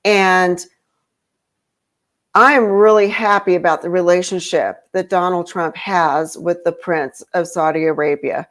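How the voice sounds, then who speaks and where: A woman's voice: fairly low pitch, steady tone, unhurried, a bit bright. A woman talking casually as a podcast guest, rambling with lots of fillers and restarts. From grew up in Europe. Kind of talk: casual conversation.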